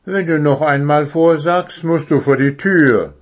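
A man voicing a strict but kind female owl who teaches at a forest school, speaking in a measured teacher's tone. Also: a little high, lively intonation, slightly rough, pitched above the performer's own voice, heavily acted. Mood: stern.

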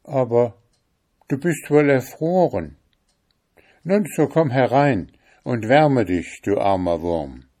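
A man's voice: medium pitch, lively intonation, slow pace, pauses often, dark tone, voice pushed up. A man voicing a spirited, kind young girl in a storybook reading, raising his voice into an exasperated, pleading tone. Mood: relenting.

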